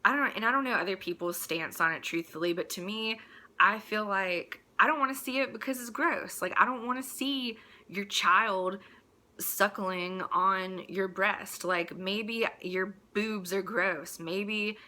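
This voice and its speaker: Unhurried but sharp-toned, a woman with a mid-range voice delivers a personal rant as host. Her manner is casual and opinionated, crude and blunt, with exasperation and mocking asides throughout.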